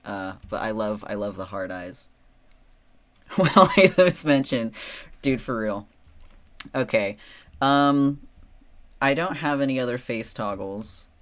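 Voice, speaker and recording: A man's voice: lowish voice, fairly bright tone. A man chatting casually on a livestream in a playful, theatrical way, boasting with tongue in cheek.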